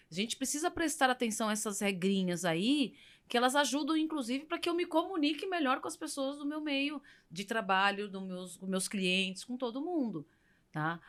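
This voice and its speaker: A woman with a Brazilian Portuguese accent, a therapist talking in a casual podcast conversation, direct and animated, often acting out the people she quotes. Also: medium pitch. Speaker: therapist guest.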